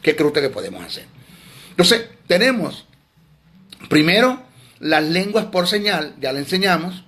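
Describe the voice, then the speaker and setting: A man's voice: fairly high pitch, big pitch swings, measured pace, pauses often, fairly bright tone. A man teaching theology in a sermon, emphatic and scolding, often repeating words.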